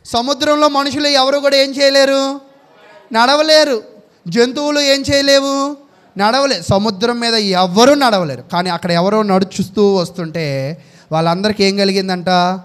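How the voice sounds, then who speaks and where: A man with a high voice preaches a sermon. He keeps asking his listeners questions and answering them himself. He stops now and then to read out Bible verses. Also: fairly even intonation, normal speed, a bit bright, smooth.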